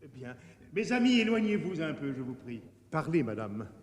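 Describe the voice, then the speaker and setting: A bantering, amused young man who writes letters for others, teasing every customer. in a 1960s radio operetta, his slightly high voice ringing with long reverb from the studio. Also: big pitch swings, moderate pace. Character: charming young male public letter-writer, playful.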